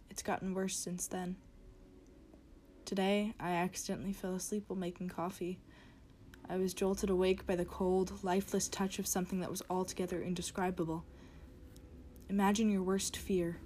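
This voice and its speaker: Hushed whispery lady reading as a scared woman keeping a diary, lowish voice. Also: flat delivery, normal speed, a little hiss or hum, natural voice. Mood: fearful. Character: frightened woman writing a diary. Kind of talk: reading horror fiction. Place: closet.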